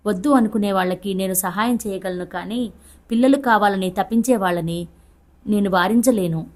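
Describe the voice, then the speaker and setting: A kind female doctor speaks in a gentle, measured way, read by a woman narrator. She is earnest and reassuring. This is an audiobook reading. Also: medium pitch, close to an everyday voice. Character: calm, sympathetic female doctor.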